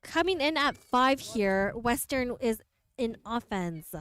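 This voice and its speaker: A woman's voice: on the high side, lively intonation, takes it slowly, a bit bright. A woman doing bilingual play-by-play commentary outdoors, switching between English and French. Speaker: sports commentator. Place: outdoors at a windy field. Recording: light wind noise.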